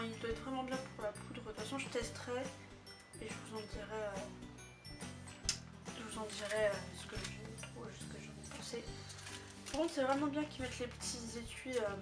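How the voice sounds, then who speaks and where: A woman in a casual, chatty product review, pausing often with hesitant fillers. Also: on the high side. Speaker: beauty vlogger. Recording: distant mic with music behind.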